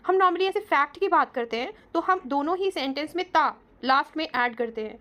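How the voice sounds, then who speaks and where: A woman with a high, light voice leads an English grammar lesson. She explains patiently and step by step, and slows right down whenever she reads an English example sentence. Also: animated, pushed and bright. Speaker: English teacher.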